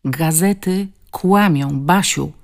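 A woman's voice: fairly low pitch, expressive, moderate pace, vocal fry, a little mellow. A woman reading the lines of a young husband who insists he did not cheat, pleading and raising his voice. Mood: insistent. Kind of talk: audiobook dialogue.

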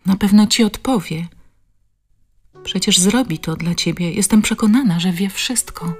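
A woman's voice: mid-range voice, moderate pace, soft background music, voice pushed up, lightly acted. A woman voicing a frightened adult daughter in an audiobook, speaking anxiously and pleadingly. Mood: urging.

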